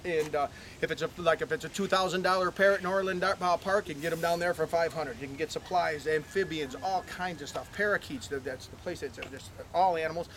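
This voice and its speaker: A man gives visitors a tour of his animal ranch outdoors, rattling off chatty stories at a fast clip. His voice sits high for a man, and he keeps checking in with "okay?" as he talks. Faint outdoor noise hums behind him. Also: a bit bright. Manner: folksy, chatty, lots of "okay?" and "uh". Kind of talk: casual storytelling to visitors. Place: outdoors on a ranch near a barn.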